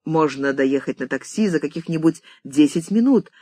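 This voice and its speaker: A reader voicing a flustered young male writer who stammers and talks too loud in an audiobook. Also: medium pitch, animated, moderate pace, no echo, studio quality, natural voice. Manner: stammering, overeager, shouting.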